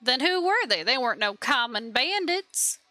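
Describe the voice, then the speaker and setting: A woman's voice: sits high, very animated, normal speed, pushed and bright, no room sound, exaggerated voice. Woman doing angry Southern-drawl villagers. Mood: indignant. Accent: put-on Southern US. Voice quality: twangy drawl. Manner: indignant, complaining. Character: aggrieved rural villagers, adult men, angry and blunt.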